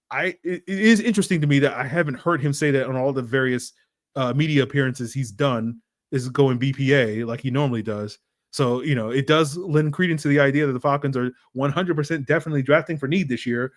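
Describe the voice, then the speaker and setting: A man's voice: medium pitch, fairly quick. A man hosting a football podcast, talking through draft prospects in a loose, conversational way with lots of fillers and restarts. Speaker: podcast host. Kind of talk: casual sports analysis podcast.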